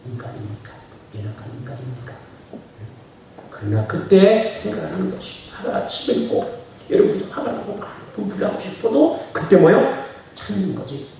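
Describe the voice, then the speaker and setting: Male pastor, high and very animated, folksy sermon with shouted peaks, distant mic in a very echoey church. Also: normal speed, vocal fry, slight background noise. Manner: animated preaching, swings from quiet asides to shouting; laughs often, chatty and folksy. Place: church sanctuary. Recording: very echoey church hall, preacher heard from far off.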